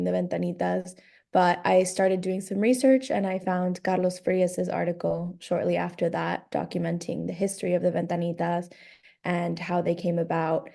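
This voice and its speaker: A woman guest tells her story in a relaxed, easygoing way and laughs easily. Her voice is mellow and dark in tone. It has a gravelly fry at the ends of her phrases. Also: fairly low pitch. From raised in Miami, born in Guatemala. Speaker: guest, author and graphic designer. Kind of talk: casual interview. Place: London.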